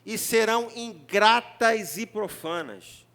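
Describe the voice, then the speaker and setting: A man preaching a sermon as pastor in a church, with a Rio de Janeiro Brazilian Portuguese accent, talking in an animated, joking way and often asking the congregation questions. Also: sits high, slow. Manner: animated, jokey, mimics congregants, often asks the crowd. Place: church hall.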